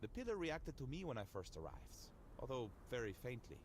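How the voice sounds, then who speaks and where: An actor plays an enigmatic fantasy game outsider, a sardonic man full of curiosity. His delivery is wry and theatrical, musing with wide, animated swings of pitch. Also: fairly quick, background noise, close to an everyday voice. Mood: intrigued. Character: sardonic, curious, enigmatic male outsider touched by weird magic. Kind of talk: video game character dialogue.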